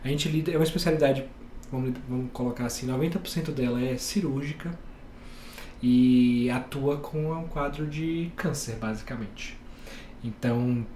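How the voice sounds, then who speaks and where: A man from Bahia, a head and neck surgeon, calmly explaining his specialty step by step on a podcast. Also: mid-range voice, moderate pace, echoey room, slight background noise. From Bahia, Brazil. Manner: calm, explains step by step with plain examples.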